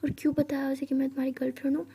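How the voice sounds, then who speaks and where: A woman's voice: sits high, little pitch movement, racing, dark tone. Bhavna: a woman whispering as a doting young woman. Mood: soothing. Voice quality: breathy whisper. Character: young woman, affectionate and soothing. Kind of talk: whispered role-play.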